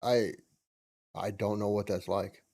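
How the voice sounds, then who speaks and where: A man's voice: on the low side, steady tone, measured pace, warm tone. An older man co-hosting a podcast, talking in a casual, emphatic way and repeating his points. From United States. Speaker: podcast co-host. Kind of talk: casual chat.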